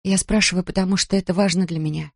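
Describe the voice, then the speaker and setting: A woman's voice: on the low side, fairly even intonation, fast talker, vocal fry, no room sound, studio quality. A reader voicing a tired, anxious mother, a doctor, who pleads with her son. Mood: pleading weary.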